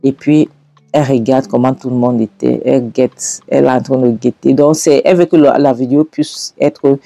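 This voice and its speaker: A man's voice: medium pitch, fairly even intonation, normal speed, creaky, mellow, no room sound, faint music behind. A man narrating a casual recap of a film scene by scene, rambling with frequent restarts.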